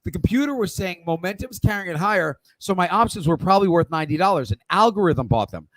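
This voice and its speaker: A man's voice: sits high, expressive, fast, no echo, low-quality recording. A man hosting a live stock trading Q&A, lecturing viewers bluntly and swearing casually as he explains his rules. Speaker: stock trading livestream host.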